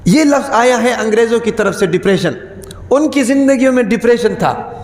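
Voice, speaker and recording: This Friday sermon comes from a preacher with a very high, expressive, somewhat mellow voice, who hammers key words through repetition and fires rhetorical questions at the congregation. It's recorded in an echoey hall with long reverb.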